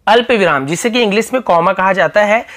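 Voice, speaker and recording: A male teacher giving a recorded grammar lesson, explaining patiently step by step and repeating each example sentence with pauses. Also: sits high, animated, a bit bright. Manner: frequent "uh" fillers.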